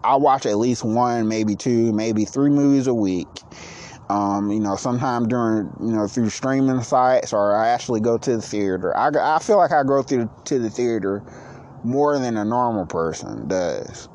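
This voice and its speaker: A man in his late thirties hosts a casual solo podcast and admits he's low on energy. He rambles haltingly, restarting often, and sounds a little mellow.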